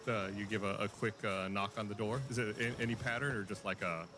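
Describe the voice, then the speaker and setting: A man's voice: fairly low pitch, fairly even intonation, brisk. A man narrating a tabletop role-play game as game master, in a casual improvised way. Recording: music behind the voice.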